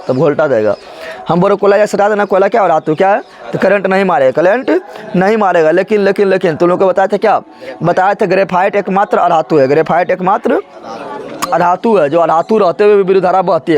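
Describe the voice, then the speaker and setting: A male teacher, teaching a class in a colloquial style, repeatedly asking questions and answering them himself. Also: sits high. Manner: repetitive call-and-response questioning, colloquial. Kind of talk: classroom lesson.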